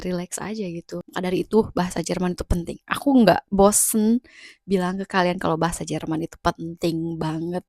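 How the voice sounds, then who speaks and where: A woman's voice: lowish voice, darkish tone, no room sound, clean studio sound. A young woman giving casual, emphatic advice in a vlog, repeating key phrases. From Indonesia. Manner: repetitive, emphatic, conversational.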